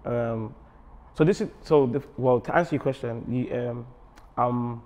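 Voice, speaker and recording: A man's voice: mid-range voice, unhurried, a little mellow. Laid-back young man, reflective. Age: 20s. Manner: laid-back and reflective, many restarts and tag questions. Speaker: musician guest. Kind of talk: casual interview chat. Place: small office studio.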